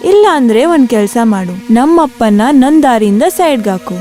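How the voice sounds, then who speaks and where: An actress playing a greedy scheming wife who coldly bargains over a divorce. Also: female voice, a little high, animated, fairly quick, warm tone, faint music behind, natural voice. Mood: cold defiant. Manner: cold, bargaining, defiant. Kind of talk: film drama acting.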